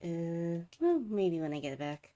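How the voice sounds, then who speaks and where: A woman's voice: lowish voice, very animated, measured pace, dark tone. A woman livestreamer chatting casually to viewers as she hosts a game stream. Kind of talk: casual live stream chat. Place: live game stream from an indoor setup. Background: game music.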